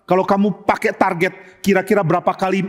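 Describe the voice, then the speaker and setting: Man acting out a nosy investigator firing off questions, high voice, echoey hall. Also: level tone, a little fast, natural voice. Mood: curious. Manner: eager interviewing. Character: curious royal investigator questioning soldiers.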